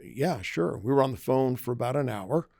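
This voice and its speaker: A man's voice: mid-range voice, brisk, dark tone, no room sound, studio quality. A man, a private investigator, talking through safety tips in a conversational podcast interview, often acting out quoted voices. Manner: conversational, acts out quoted voices, emphatic warnings.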